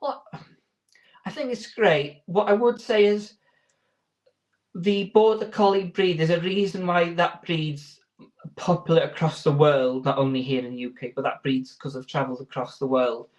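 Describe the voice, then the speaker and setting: A man's voice: fairly high pitch, fairly even intonation, normal speed. A man giving informal interview answers as a sheepdog handler, explaining in a hesitant, rambling way.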